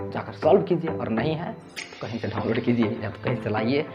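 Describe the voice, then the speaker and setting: Guy teaching math step by step, patient, mid pitch, kinda dull lo-fi audio. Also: animated, brisk, over loud music. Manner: patient step-by-step explaining, checks in with listeners. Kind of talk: explaining a math lesson.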